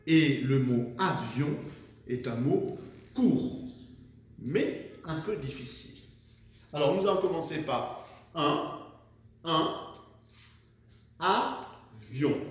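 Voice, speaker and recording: A man teaching young children, dictating words slowly syllable by syllable and encouraging them, recorded far from the mic in an echoey room. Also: fairly high pitch, animated. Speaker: primary school teacher. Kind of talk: slow dictation lesson for children.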